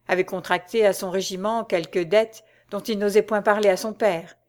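A woman narrating a dramatic novel as an audiobook, with steady delivery. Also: medium pitch.

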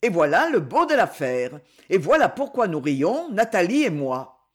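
A man's voice: high voice, a little slow, exaggerated voice. A man voicing a mischievous, jovial old general in an audiobook. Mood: gleeful. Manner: lively, jovial, laughing delivery.

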